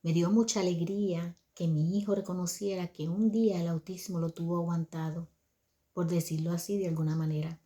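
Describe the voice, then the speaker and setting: A woman's voice: lowish voice, fairly even intonation, brisk, mellow. An older woman telling viewers a family story about raising her son, in a conversational manner that often checks in with listeners.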